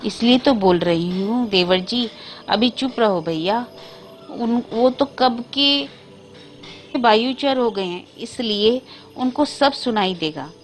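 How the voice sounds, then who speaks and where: A woman playing a timid, hushed young sister-in-law. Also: on the high side, expressive, slow pace, soft background music. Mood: fearful. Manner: hushed, fearful pleading.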